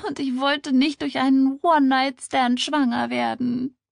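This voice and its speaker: A woman reading an audiobook, voicing a distraught young pregnant woman who is crying and pleading in a high voice. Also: fairly even intonation, a little slow, creaky, dry recording, clean studio sound, heavily acted. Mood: tearful.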